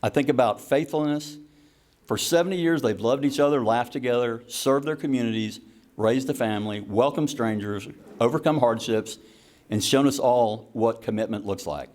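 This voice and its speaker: A man's voice: medium pitch, moderate pace. A middle-aged man giving a tribute speech for his parents' anniversary at a party, telling family stories with laughs and asides. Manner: warm storytelling with laughs and asides. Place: party hall with a crowd.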